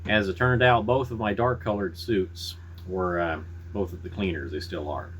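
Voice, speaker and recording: Very low-voiced man, folksy rambling chat. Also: fairly even intonation, normal speed, a little hiss or hum. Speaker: pipe-smoking vlogger. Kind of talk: casual rambling chat to viewers.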